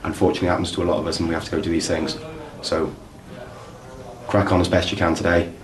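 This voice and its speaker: A man speaking as a platoon commander, calm, reassuring and matter-of-fact. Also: deep voice, quick pace, crowd noise. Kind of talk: direct talk and interview. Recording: background noise.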